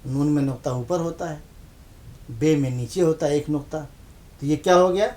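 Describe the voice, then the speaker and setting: A man's voice: a little high, darkish tone. Patient man teaching Urdu letters. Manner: patient, asks questions then answers them himself; repeats key points for emphasis. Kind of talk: televised language lesson.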